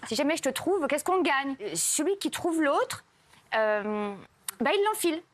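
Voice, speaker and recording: On a TV comedy show in a studio, a woman with a high, expressive voice tells jokes at a slightly slow pace. She hesitates often, with lots of "euh" fillers, and giggles at her own stories.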